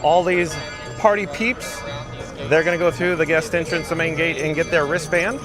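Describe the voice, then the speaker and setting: Guy livestream host, highish voice, chirpy playful park commentary, music and busy crowd behind him. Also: fairly even intonation, normal speed. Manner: chirpy, playful patter with folksy phrases. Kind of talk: casual live park commentary. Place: outdoors in a busy theme park.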